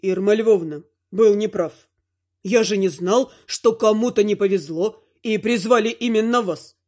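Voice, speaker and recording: Brief: woman reading a fed-up, weary dad, lowered and grumbling. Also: measured pace, warm tone, close to an everyday voice. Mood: exasperated. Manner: grumbling, exasperated. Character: irritated weary father, son-in-law.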